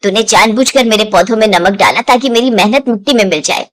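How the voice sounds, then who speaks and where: A woman's voice: mid-range voice, fast, voice pushed down, close to an everyday voice. A woman voicing a stern older mother-in-law in a storybook drama. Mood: scolding. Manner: scolding, later gentle.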